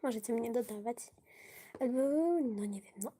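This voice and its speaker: A woman's voice: on the high side, fairly even intonation, moderate pace, mellow, breathy edge. A woman live-streaming games who talks to her viewers, often slipping into a whisper, her voice touched by a cold and easily flustered when she loses. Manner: often drops to a whisper while playing. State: voice affected by a cold. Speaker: gaming livestreamer. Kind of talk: casual live gaming stream.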